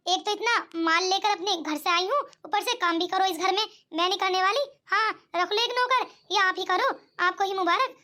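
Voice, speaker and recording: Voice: very high voice, normal speed, few pauses, pushed and bright. A performer voicing a spoiled, haughty young bride in a cartoon, who talks in a snooty, dismissive way. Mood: scornful. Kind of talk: cartoon voice acting.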